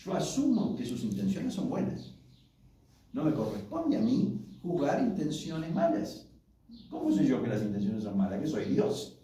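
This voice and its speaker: A man in his sixties with an Argentine accent, preaching warmly and conversationally to married couples at a workshop, asking his audience questions as he goes. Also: medium pitch, wildly swooping pitch, normal speed. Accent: Argentine Spanish. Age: 60s. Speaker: pastor leading a marriage workshop. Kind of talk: colloquial sermon to married couples. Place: church hall with an audience. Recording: very echoey hall, voice from far off, faint noise.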